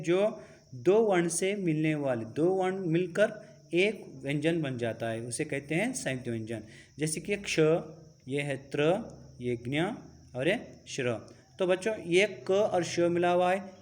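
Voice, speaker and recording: Hindi teacher reciting letters aloud. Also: male voice, a little high. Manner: explains step by step, asks and answers his own questions. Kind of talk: classroom lesson on the alphabet.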